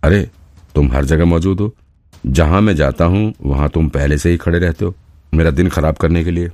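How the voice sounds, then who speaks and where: A man's voice: rumbling low, moderate pace, darkish tone, dry recording. A man voicing a jealous male police officer in an audiobook, sneering with sarcastic jabs at a rival.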